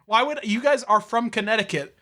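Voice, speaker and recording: Brief: male co-host, bright tone, rambling and profane. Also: sits high, normal speed. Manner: rambling, profane, reads news aloud. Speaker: podcast co-host. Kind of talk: casual chat.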